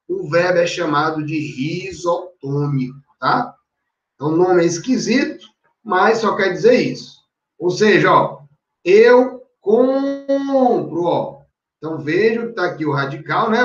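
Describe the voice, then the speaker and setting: His voice sits on the high side with a slightly bright edge as he walks an exam-prep class through grammar one step at a time, repeatedly making sure everyone keeps up. Sound comes from a distant, dull microphone in an echoey room.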